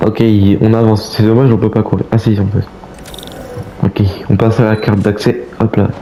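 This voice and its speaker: A man's voice: on the low side, flat delivery, moderate pace, dark tone, a little hiss or hum. A man giving casual, slangy Let's Play commentary in French, playfully reacting aloud as he plays. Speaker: gaming video creator. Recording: roomy echo, game music behind. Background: game music.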